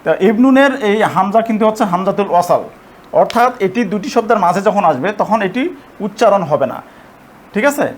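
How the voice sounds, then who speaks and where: High-voiced man patiently teaching grammar. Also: animated. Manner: patient, repeats points and checks understanding; slows to spell out Arabic examples syllable by syllable. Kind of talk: explanatory lesson.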